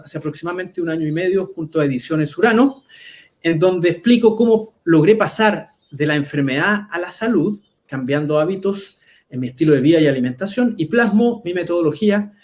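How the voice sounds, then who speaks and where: A man's voice: a little high, darkish tone. A Chilean man, a health coach, gives an online talk in a conversational way and often checks in with his audience. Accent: Chilean Spanish. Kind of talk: webinar presentation. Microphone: computer mic on a live video talk.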